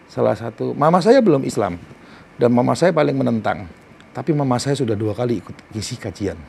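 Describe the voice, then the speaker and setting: Middle-aged male talk show guest with a gravelly, mellow voice; earnest, emphatic testimony. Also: medium pitch, expressive, a little hiss or hum. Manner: earnest and heartfelt, slow and emphatic. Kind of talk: personal testimony in conversation.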